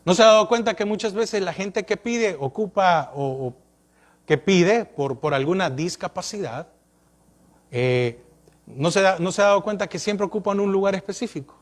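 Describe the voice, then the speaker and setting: A man's voice: sits high, normal speed. A male pastor preaching a sermon, asking the congregation question after question with rising and falling emphasis.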